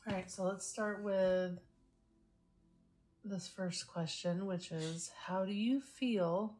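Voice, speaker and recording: A woman hosting a podcast, gently asking a child questions and laughing easily. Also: mid-range voice, steady tone, slow. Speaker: podcast host. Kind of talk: casual interview.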